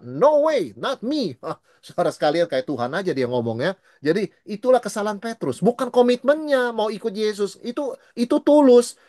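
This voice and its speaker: Middle-aged male pastor, Bible study teacher, dry close sound, lively delivery that mixes in English. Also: a little high, no echo. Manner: lively, mixes in English words, acts out quoted voices.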